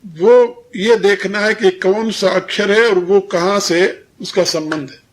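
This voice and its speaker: A high-pitched older man gives a spiritual discourse. He drills each word in an unhurried, teacherly way and now and then chuckles at his own points. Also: steady tone. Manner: slow, didactic, repeats and drills words, chuckles. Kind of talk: devotional discourse on Sanskrit pronunciation.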